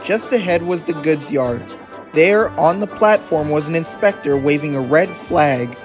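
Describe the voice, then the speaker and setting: A man narrating a children's story in a gentle, measured storybook style. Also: on the high side, over music.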